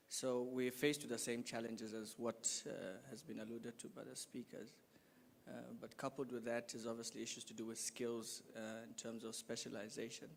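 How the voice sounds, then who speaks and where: Zambian developer, flat gravelly voice, hall echo, faint room hum. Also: male voice, medium pitch. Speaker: healthcare developer in audience. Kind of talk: audience comment at panel. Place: conference hall. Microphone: handheld audience microphone. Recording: hall reverb, faint ambience.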